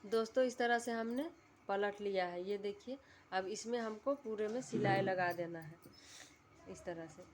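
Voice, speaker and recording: A woman giving a calm, step-by-step sewing tutorial, repeating her instructions patiently. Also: mid-range voice, moderate pace, a little hiss or hum. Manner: calm, repetitive instructional voice-over.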